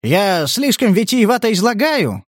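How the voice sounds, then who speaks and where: A man voicing a gruff, foul-mouthed mercenary commander who gives curt orders. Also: high voice, big pitch swings, a little slow, dry recording, clean studio sound, voice pushed up, full character voice. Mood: curt commanding.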